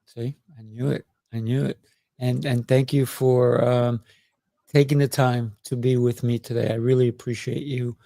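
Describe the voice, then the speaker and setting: A middle-aged podcast host conducts a conversational interview, chatty, warm and encouraging, with many affirming interjections. His mid-range voice has vocal fry and little pitch movement at a normal speed, and there's no echo.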